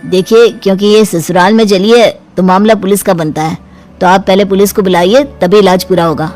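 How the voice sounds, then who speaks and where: A woman's voice: mid-range voice, steady tone, normal speed, a little mellow, natural voice. A woman playing a stern cartoon doctor who issues firm warnings. Faint music sits under the voice.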